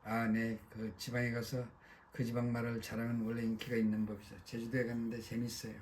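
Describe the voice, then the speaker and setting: An easygoing American visitor, chatty and relaxed, speaking in a flat, mellow tone, as a man reads him in an audiobook. A faint hiss sits under the voice. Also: medium pitch, a little fast, natural voice.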